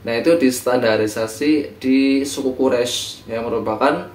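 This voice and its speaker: A man explains history in a loose, chatty lecture, often pausing and correcting himself as he goes. His voice sits in an ordinary middle register. He is recorded from a distance in a room that echoes. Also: mid-range voice. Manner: relaxed, conversational, frequent fillers and self-corrections. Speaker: teacher.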